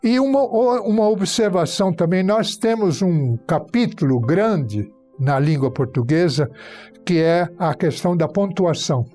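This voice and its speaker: Casting note: male grammar teacher, high and mellow voice, methodical, works through example sentences. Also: lively intonation, a little slow, soft background music. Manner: teacherly, illustrating points with spoken example sentences. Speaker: Portuguese teacher guest. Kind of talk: explaining grammar on a church talk program.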